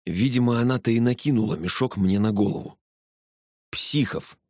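A man narrating a first-person story with a steady storytelling delivery. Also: medium pitch, fast talker, no room sound, studio quality. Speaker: audiobook narrator.

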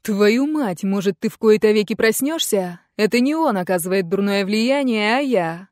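Angry teenage boy, loud, resentful, played by a woman narrator, mellow tone. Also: medium pitch, animated, moderate pace, no echo, studio quality, close to an everyday voice. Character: angry fifteen-year-old boy, sullen and hostile.

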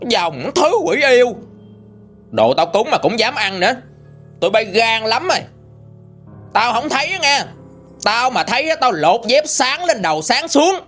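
A man's voice: fairly bright tone, exaggerated voice. A man voicing a furious, foul-mouthed woman near fifty, ranting and cursing. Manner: shrill cursing rant.

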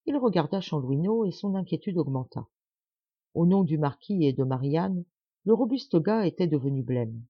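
Expressive woman reading a classic novel. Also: low voice, moderate pace, husky, dry recording, dull audio. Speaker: audiobook reader. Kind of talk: scripted narration.

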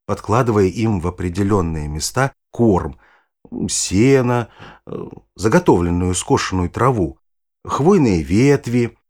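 In an audio play, an actor with a husky, low-pitched voice takes the role of an older grandfather who is a knowledgeable naturalist, patiently explaining things.

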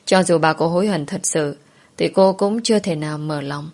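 A woman narrating a family drama in a slow, reflective, solemn manner. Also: sits low, a little mellow. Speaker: storyteller. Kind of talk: scripted story narration.

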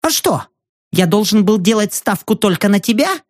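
A man voicing a panicky, cowardly fat journalist in an audiobook, stammering and squealing in a high, strained voice. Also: big pitch swings, takes it slowly, dry recording, clean studio sound, exaggerated voice. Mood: angry. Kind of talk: audiobook narration.

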